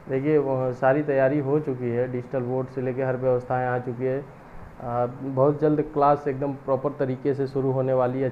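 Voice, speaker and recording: A man coaching exam aspirants, talking earnestly and growing loud and scolding as he urges them on. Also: medium pitch. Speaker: coaching teacher. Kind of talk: motivational talk to exam aspirants. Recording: tinny phone-like audio with faint noise.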